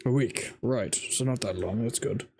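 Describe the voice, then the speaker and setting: A man playing a tabletop role-playing game, improvising dialogue in a measured, hesitant and fairly formal way. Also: mid-range voice, darkish tone, slightly rough.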